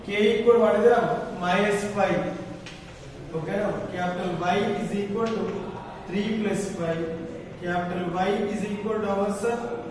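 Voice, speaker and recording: A man's voice: high voice, steady tone, measured pace. A man with an Indian accent teaching maths, dictating step by step with repetition and short prompting questions. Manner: repetitive step-by-step dictating, stretching key phrases; prompts listeners with questions ending in "sir". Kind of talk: classroom maths lesson. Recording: very echoey room, distant mic, faint noise.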